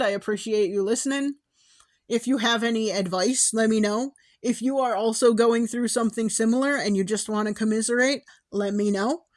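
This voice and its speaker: A young woman hosting her own podcast, rambling in a casual personal monologue and laughing often, her voice going hoarse. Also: on the high side. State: losing her voice. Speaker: podcast host.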